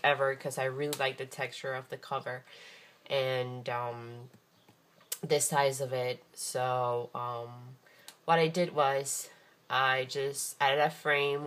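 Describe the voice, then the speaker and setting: Female craft vlogger with a hoarse morning rasp and a very deep voice, talking loose and chatty with frequent ums. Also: a little hiss or hum. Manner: chatty and rambling, many ums and restarts. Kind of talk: casual craft show-and-tell.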